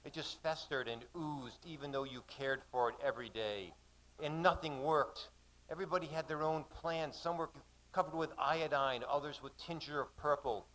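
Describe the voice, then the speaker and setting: A man in his sixties performing a sea story to a live audience at a café, shouting out the sailors' calls. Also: on the high side, moderate pace, poor audio. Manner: dramatic, shouts out the calls and quoted voices. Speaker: storyteller reading at a poetry gathering.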